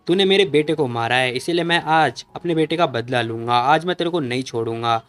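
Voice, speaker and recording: Brief: man voicing an enraged clan patriarch, loud, high and quick in storybook recap. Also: faint music behind, lightly acted. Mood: menacing. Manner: shouting threats. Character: furious vengeful male clan head.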